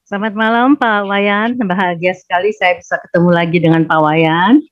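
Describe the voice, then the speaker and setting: Low-voiced woman on a dull line. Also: fairly even intonation, normal speed. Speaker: caller sharing her experience. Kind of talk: earnest personal sharing.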